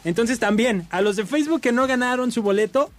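A man with a Mexican accent hosting a radio show, casual banter, laughing often and reading out phone numbers slowly. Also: very high voice. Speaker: radio host.

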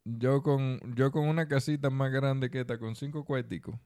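A man with a Dominican accent talks casually as a podcast co-host. His medium-pitched voice is clean and resonant, recorded dry. He uses colloquial slang and repeats himself for emphasis. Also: steady tone, moderate pace, warm tone, clear, resonant tone, no room sound. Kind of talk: casual conversational chat with advice to listeners.

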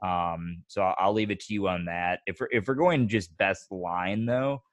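A young man co-hosting a podcast, talking in a relaxed, hesitant way about his favorite film scenes. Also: deep voice, moderate pace, no echo. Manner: relaxed, hesitant with many fillers and restarts. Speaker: podcast co-host. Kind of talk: casual movie discussion.

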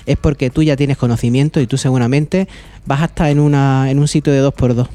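Fast-talking mellow man. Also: mid-range voice, steady tone. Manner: informal, explaining with everyday examples. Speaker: computer technician, regular co-host. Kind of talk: casual explanatory radio chat.

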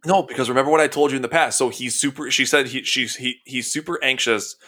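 A man's voice: mid-range voice, quick pace, pushed and bright. A young man co-hosting a casual podcast, swearing freely and laughing as he tells stories. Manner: swearing, laughing, acts out a dog's thoughts in quotes. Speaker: podcast co-host.

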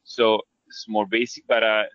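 Guesting on an interview, a man from Argentina who works as a 3D character artist speaks with an Argentine accent as a native Spanish speaker, casually recounting stories while hesitating, downplaying himself and groping for words. His lowish, slightly bright voice moves little in pitch at a moderate pace; the audio is dull, without echo.

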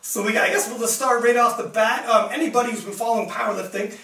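Here a young man from Canada hosts a laid-back live interview show, talking chattily with frequent laughter and plenty of fillers. He speaks fast in a very high, steady, creaky and slightly bright voice. He's recorded from a distance, with a roomy sound.

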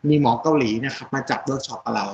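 A chatty middle-aged man tells business stories with lively asides, constantly checking that his listener follows. His voice sits at an ordinary pitch, and the recording is a touch dull with faint hiss behind it. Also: very fast, creaky. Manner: chatty, animated storyteller, many tag questions. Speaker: surgeon and company CEO. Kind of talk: casual business interview.

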